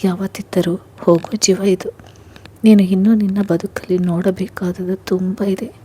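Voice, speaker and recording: A woman reading the lines of a bedridden, loving old grandmother in a spoken story, comforting and soft. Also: medium pitch, little pitch movement, normal speed, breathy edge, close to an everyday voice.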